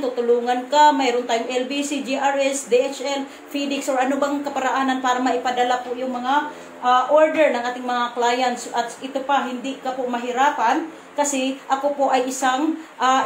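A woman with a Visayan accent talks to her camera from home in a firm, blunt way, stumbling and restarting her words. Her voice sits high. The room has a marked echo and a faint hum of background noise. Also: fairly even intonation, fairly quick. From Visayas, Philippines. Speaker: vlogger. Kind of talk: casual vlog to camera.

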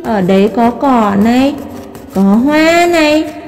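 A woman's voice: on the high side, lively intonation, slow pace. A woman voicing a cheerful little butterfly in a storybook tale, coaxing in a sing-song way. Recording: long hall reverb, soft music behind.

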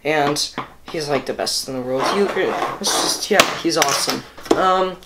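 A man's voice: fairly high pitch, normal speed, gravelly. A teenage boy doing a casual, rambling parody news anchor with hesitant, offhand delivery. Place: small room indoors, camera a few feet away. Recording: very noisy home recording with clicks.

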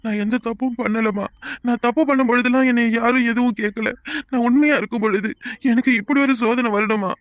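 A man's voice: very high-pitched, steady tone, brisk, a bit bright, no echo. A man voicing an accused young husband in a cartoon family drama, begging to be believed. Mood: pleading. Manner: begging, pleading.

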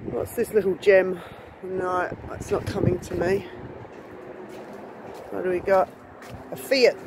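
In a windy outdoor car wrecking yard, a woman vlogs on a handheld phone while walking, speaking low, slowly, and steadily. She admires the surroundings casually, musing and asking rhetorical questions, against constant wind noise in the noisy recording.

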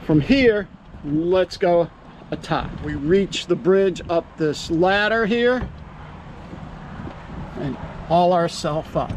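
Slow, high-voiced man touring a boat. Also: dull audio, a little hiss or hum. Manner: upbeat salesman pitch, pointing out features. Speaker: yacht broker giving a boat tour. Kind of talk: walkthrough tour narration. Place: outdoors on a boat at a marina.

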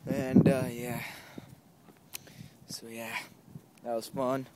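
A man's voice: mid-range voice, flat delivery, extremely slow, very noisy. A teenage boy vlogging casually while walking his dog outside, talking in a loose, mumbling way. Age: teens. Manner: casual, mumbling, swears lightly. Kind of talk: casual vlog.

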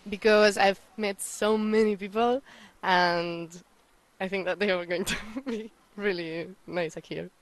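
A woman's voice: medium pitch, steady tone, a little slow, dry recording, rough recording. A young woman from the Basque Country, answering interview questions with enthusiasm on a handheld mic indoors. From Basque Country, Spain. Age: young adult. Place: indoor hostel reception.

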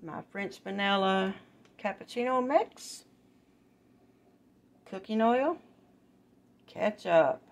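Slow, gravelly older woman chatting. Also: medium pitch, lively intonation. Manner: slow, homely, chatty, addresses viewers as y'all. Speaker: vlogger. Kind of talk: casual grocery haul narration. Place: kitchen at home.

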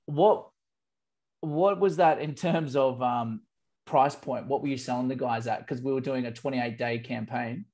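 A man's voice: medium pitch, a little slow, darkish tone. Upbeat host in his thirties on a video call, earphone mic, casual slang, enthusiastic. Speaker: marketing agency host. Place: office with branded backdrop. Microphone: earphone headset.

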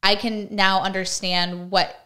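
A young adult woman chatting casually on a podcast as an actress guest, animated and filling her talk with "like.". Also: mid-range voice, measured pace. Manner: chatty, animated, heavy use of "like".

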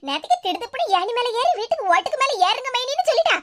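A woman's voice: extremely high pitch, big pitch swings, rapid-fire, very noisy, pitched above the performer's own voice. A woman voicing a doting, sentimental mother-in-law in a cartoon, with a Kanyakumari Tamil accent and an affectionate manner. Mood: fond. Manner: affectionate, emotional, often laughing.

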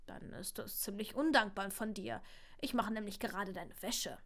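A woman's voice: mid-range voice, normal speed, fairly bright tone. A woman voicing a young father who is dry and ironic but tender with his son, in her own near voice, reading aloud.

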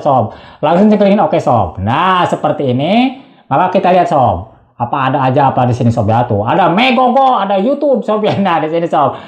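Casting: male tech vlogger, slightly high voice, chatty and slangy, recorded in an echoey room. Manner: chatty, slangy, calls viewers "sob" constantly. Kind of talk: casual screen tutorial narration.

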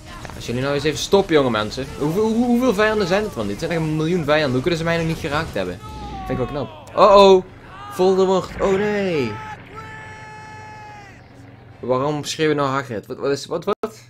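A man's voice: a little high, animated, fast. Joking man playing a video game. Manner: jokey, chatty, mocking the game. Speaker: gaming YouTuber. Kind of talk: let's play commentary.

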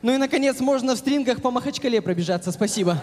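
Man as a fast, high-voiced clerk. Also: background noise. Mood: matter-of-fact. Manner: matter-of-fact listing. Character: brisk male statistics clerk offering options. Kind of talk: live sketch comedy. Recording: echoing hall, music and crowd.

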